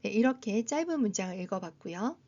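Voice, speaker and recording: A woman teaching English phonics to adult learners, patiently explaining in Korean and modeling each English word slowly. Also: mid-range voice, lively intonation, dark tone. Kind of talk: slow, careful phonics lesson. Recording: dull, slightly lo-fi sound.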